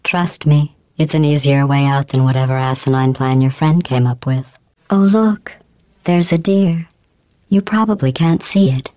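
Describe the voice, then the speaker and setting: These game voice clips feature a woman playing a chilly, sarcastic AI overseer, her low, unhurried voice run through robotic processing. She sounds deadpan and mocking, condescending and passive-aggressive, with no echo in the recording.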